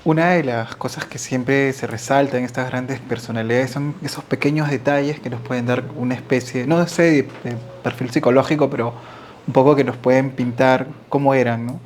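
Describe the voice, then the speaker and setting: Man asking measured interview questions. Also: mid-range voice, steady tone, a little mellow, a little hiss or hum.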